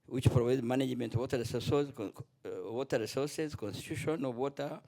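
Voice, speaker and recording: A middle-aged man giving a spontaneous remark at a conference panel, halting and restarting often. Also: mid-range voice, vocal fry, warm tone. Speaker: panel contributor, former legislator.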